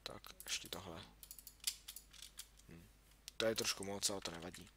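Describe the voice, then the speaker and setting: Deep-voiced and steady in tone, a young gaming YouTuber talks himself through his own game in a casual let's-play, yelping whenever he's startled. Clear keyboard and mouse clicking runs under his voice against a noisy background.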